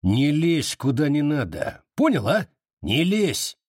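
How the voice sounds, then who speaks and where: Guy doing a cold cocky cossack soldier, snappy sneering lines pitched up, husky. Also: lively intonation, slow, no room sound, clean studio sound, exaggerated voice. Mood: hostile. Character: cold, brash young male Cossack soldier.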